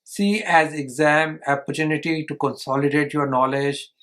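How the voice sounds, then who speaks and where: Man, slightly high voice, earnest book summary, restarts phrases. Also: fairly even intonation, moderate pace, fairly bright tone. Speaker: channel host summarizing a book. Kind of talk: informal explanatory book summary.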